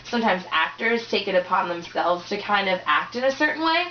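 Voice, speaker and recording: A woman's voice: mid-range voice, sing-song, fairly quick, bright, forceful tone, a little hiss or hum. A young woman tutoring, chatty and encouraging, with many likes and ums. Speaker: tutor leading a discussion. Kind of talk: casual teaching conversation. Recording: roomy dull lo-fi recording.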